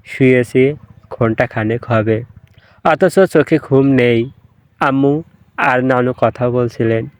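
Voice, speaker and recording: A man narrating a scripted story at a slow, measured pace, giving voice to the characters. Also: mid-range voice, clean tone, no echo. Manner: slow, measured, voicing each character's dialogue.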